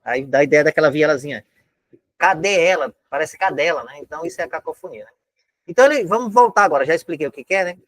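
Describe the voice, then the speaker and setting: Here a fairly high, slightly bright male voice talks very fast, with no room sound in the recording. He's a Brazilian teacher running a casual exam-prep lesson from his home, chatty and loaded with filler tags as he explains each step.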